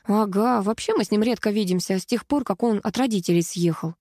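A woman reading aloud, voicing a bubbly, chatty teenage girl in a higher, lively voice. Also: fairly quick, dry recording, clean studio sound, lightly acted.

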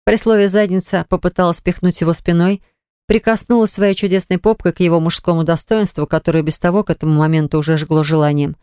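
A woman narrating a romance novel in a measured, expressive reading style. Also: lowish voice, clean tone, dry recording, studio quality. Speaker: audiobook narrator.

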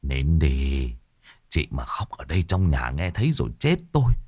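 A man voicing a gruff, scornful older village man who talks low and hushed, in a spoken ghost story. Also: very animated, moderate pace, exaggerated voice.

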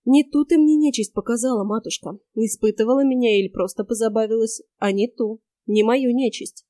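A woman reading a story aloud and voicing a stubborn young male knight who speaks in calm, measured, old-fashioned phrases. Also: on the high side, no echo, natural voice. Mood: calm earnest. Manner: calm, measured, folksy old-style speech.

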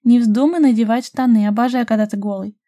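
A woman voicing a playful, teasing young woman in love, speaking high and loud in an audiobook. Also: a little fast, no echo, studio quality, natural voice.

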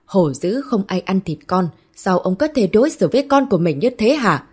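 A woman voicing a protective mother who shouts in an indignant, furious way. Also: mid-range voice, big pitch swings, moderate pace, slightly rough.

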